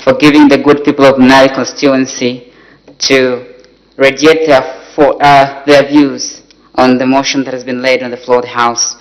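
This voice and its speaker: A young male student with a Zambian accent gives a formal parliamentary debate speech, halting and often repeating words as he searches for the next phrase. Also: medium pitch, flat delivery, rough recording. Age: teenager or young adult student. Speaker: youth parliament member debating a motion. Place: debating chamber.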